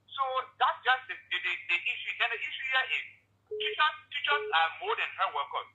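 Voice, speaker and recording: A man's voice: very high-pitched, sing-song, brisk, pushed and bright. A man, calling a radio show by phone while he drives. He argues earnestly and stumbles into repeated restarts. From Liberia. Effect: calling in by phone while driving a car. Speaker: radio call-in caller. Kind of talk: call-in commentary. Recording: muffled phone line from a car.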